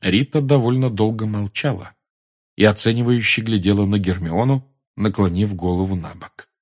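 A man narrating an audiobook in a measured, expressive manner. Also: on the low side, husky. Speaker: audiobook reader. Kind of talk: scripted narration.

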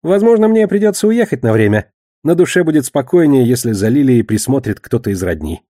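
A man's voice: mid-range voice, big pitch swings, brisk, mellow, no echo, studio quality. A man voicing an anxious young tavern keeper. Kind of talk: audiobook reading.

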